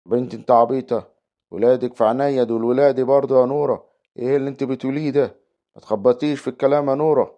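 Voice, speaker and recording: A steady family man, voiced by a man, speaks firmly and very quickly with an Egyptian accent. The recording sounds dull. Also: mid-range voice, lightly acted. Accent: Egyptian Arabic. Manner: firm, reassuring.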